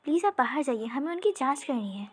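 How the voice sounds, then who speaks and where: A woman's voice: sits high, very animated, quick pace. A woman voicing an anxious court healer who fusses insistently over a patient. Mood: worried. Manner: worried, insistent.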